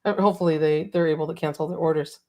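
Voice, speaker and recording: A woman co-hosting a casual talk show, chatty and quick to laugh, her voice a little cracked. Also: sits low, steady tone, warm tone. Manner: chatty, laughs often, reads out viewer comments. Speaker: podcast co-host. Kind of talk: casual chat.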